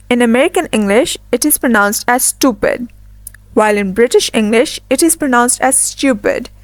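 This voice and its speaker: A woman teaching English pronunciation in a scripted lesson, slowing down to model each word deliberately. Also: fairly high pitch, no room sound.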